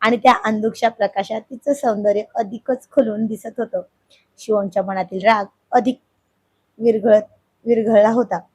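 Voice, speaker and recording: Hoarse woman reading a story. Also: on the high side, steady tone, moderate pace, a little mellow. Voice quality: husky. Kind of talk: narration of a romantic family story.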